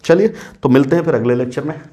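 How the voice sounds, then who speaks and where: A man's voice: mid-range voice, fast, mellow. A man gives a chemistry lesson at a board. He keeps asking his students questions and then answering them himself. He calls them "beta" and slips English phrases into the lecture. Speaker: chemistry teacher.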